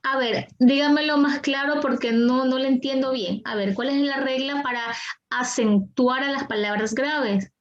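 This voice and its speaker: A woman's voice: high voice, normal speed, muffled recording. A woman teaching an online class, patient and coaxing, repeating her questions to the students over a video call.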